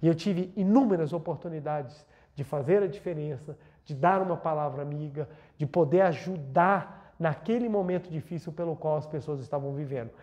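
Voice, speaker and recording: Speaking with a Brazilian Portuguese accent, a man offers an earnest spiritual lecture and guides listeners through meditation, stressing points by repeating words. His fairly high, darkish voice moves at a normal speed with hardly any pauses.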